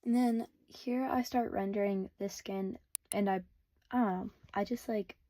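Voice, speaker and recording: A woman's voice: medium pitch, steady tone, a little slow, dark tone, dry recording. A teenage girl narrating her drawing process in a casual, hesitant voice-over, full of fillers, recorded without a proper mic. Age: teens. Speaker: vlogger. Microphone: no external mic.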